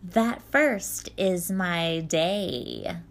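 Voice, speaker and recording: A woman voicing a commanding, sarcastic old witch who speaks slowly and emphatically. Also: on the low side, big pitch swings, vocal fry, exaggerated voice. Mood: fond. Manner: slow, emphatic, nasal sarcastic drawl.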